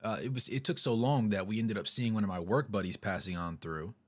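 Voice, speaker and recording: A man telling a story casually to his vlog audience, chatty and animated with asides. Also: lowish voice, brisk. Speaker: vlogger, storyteller.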